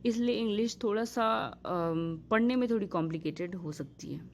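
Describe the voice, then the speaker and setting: A woman teaching English vowel sounds in a patient lesson, spelling out example words slowly. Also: mid-range voice, darkish tone, a little hiss or hum. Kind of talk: Hindi-language pronunciation lesson.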